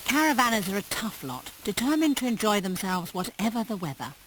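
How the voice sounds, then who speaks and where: A woman's voice: mid-range voice, sing-song, fairly quick, fairly bright tone, a little hiss or hum, low-quality recording. A woman reading scripted narration for a magazine-style feature as its reporter.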